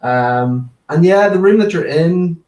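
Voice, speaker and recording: A man's voice: a little high, lively intonation, takes it slowly, a little mellow. Man on a roomy, distant line. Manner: chatty, practical, nerdy about gear. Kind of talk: casual video-call chat.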